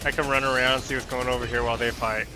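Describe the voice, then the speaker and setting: A man playing a video game as a newcomer, chatting casually and blurting out excited reactions, his voice sounding as if inside a helmet. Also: medium pitch, fast talker, noisy background. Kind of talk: casual gameplay chat and reactions. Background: game music, gunfire and explosions.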